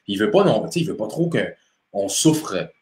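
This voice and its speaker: A man's voice: lowish voice, sing-song, normal speed, darkish tone. A young man with a Quebec French accent hosting a casual live stream as a motivation coach, chatty and laughing easily as he greets viewers by name. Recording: echoey room.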